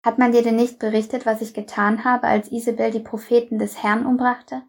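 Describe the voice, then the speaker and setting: A woman's voice: on the high side, level tone, fairly quick, gravelly, darkish tone, breathy edge. A woman voicing a frightened male palace steward who pleads for his life, read aloud in a Bible reading. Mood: pleading.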